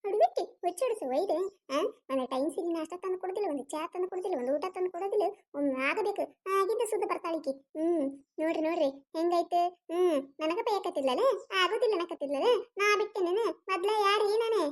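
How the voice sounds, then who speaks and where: A woman voicing a sly, whining elderly mother-in-law in a cartoon comedy, with a North Karnataka Kannada accent and a squeaky cartoon voice. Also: brisk. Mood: gloating. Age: older.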